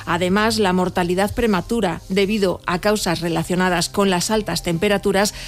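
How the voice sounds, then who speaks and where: A woman's voice: lowish voice, fairly even intonation, moderate pace. A woman reporter presenting a news report on the radio.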